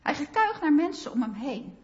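A woman preaching a sermon in a slow, earnest way, pressing on key phrases. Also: high voice, sing-song, highs cut off.

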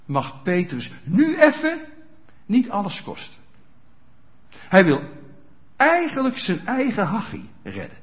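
A man preaching a sermon in a conversational way, often checking whether listeners are following, in a dull lo-fi recording. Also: high-pitched. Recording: dull lo-fi sound.

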